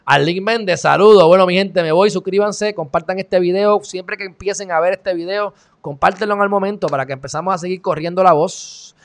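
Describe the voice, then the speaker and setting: A man's voice: high voice, brisk, hardly any pauses. A man with a Puerto Rican accent hosting a live stream, giving heated, sarcastic commentary and reading the chat. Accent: Puerto Rican Spanish. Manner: sarcastic, heated, mocking asides. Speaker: online show host.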